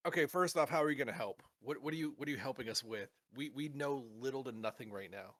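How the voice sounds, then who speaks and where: A man playing a tabletop role-playing game in character, animated and joking. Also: medium pitch, fast, no echo. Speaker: player.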